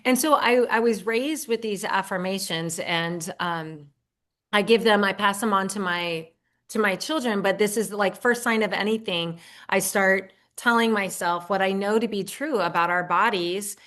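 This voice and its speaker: In a casual podcast chat, a middle-aged woman who hosts her own show speaks as a guest with earnest affirmations and many restarts. Her pitch is medium, her pace moderate, and her tone a bit bright.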